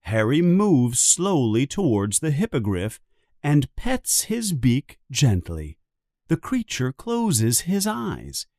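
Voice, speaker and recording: A man narrating a simple storybook for learners in a very slow, expressive reading. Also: medium pitch, no echo, clean studio sound.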